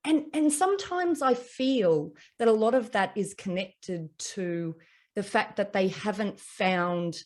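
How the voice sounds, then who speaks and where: A woman's voice: mid-range voice, animated, slow pace, darkish tone. A woman hosting a business podcast, reflecting aloud with "um" and repeated words. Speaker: podcast host, lawyer. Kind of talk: conversational interview.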